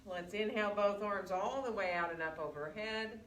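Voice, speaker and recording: A woman teaching a gentle yoga class, speaking through a face mask and giving guided breathing and movement instructions. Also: mid-range voice, normal speed. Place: indoor yoga studio. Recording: distant mic, echoey room, faint noise.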